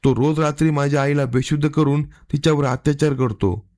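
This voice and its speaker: A man's voice: fairly high pitch, steady tone, a little fast, lightly acted. A man voicing an angry young wife who hurls accusations, in a narrated crime story. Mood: accusing. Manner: shouting accusations.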